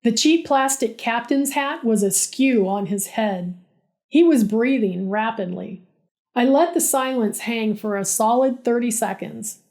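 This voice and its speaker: A woman's voice: a little high, a little slow, darkish tone. Sarcastic woman telling a story. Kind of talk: scripted story narration.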